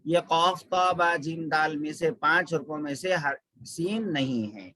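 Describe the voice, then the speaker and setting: A man's voice: fairly high pitch, unhurried, sharp tone, no room sound, rough recording. A man teaching Quran recitation, patiently repeating syllables to show each sound. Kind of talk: slow tajweed lesson with drilled examples.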